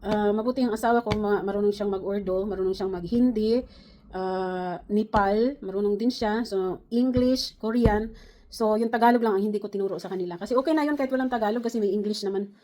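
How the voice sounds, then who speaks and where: A woman's voice: mid-range voice, a little fast, warm tone. A middle-aged woman from the Philippines, chatting casually to camera, rambling with many fillers and restarts. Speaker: vlogger.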